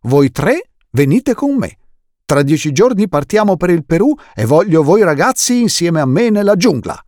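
A man's voice: on the high side, big pitch swings, normal speed, no room sound, clean studio sound, voice pushed up. A man voicing a jolly, enthusiastic uncle who is a snake scientist, exclaiming eagerly in an audiobook reading. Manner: exuberant, warm, exclaiming. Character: jolly enthusiastic older male herpetologist uncle.

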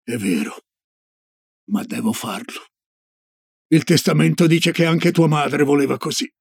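Man voicing a cigar-smoking old grandmother, slow solemn storybook voice, gravelly, husky, dry. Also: lively intonation, dry recording, exaggerated voice. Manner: slow, low, solemn warnings.

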